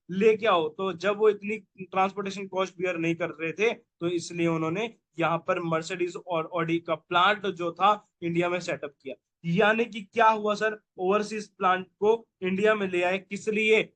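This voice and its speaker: Young guy teacher, high voice, quizzing students nonstop, joking around in a revision class. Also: fairly bright tone. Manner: quizzing listeners with repeated "yes or no?"; playful, jokey examples. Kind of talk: revision lecture.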